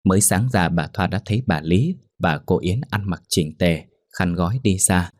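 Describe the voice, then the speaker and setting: Male horror-story reader, very low and husky, dry close recording. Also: moderate pace, darkish tone, no echo. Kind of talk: scripted horror story narration.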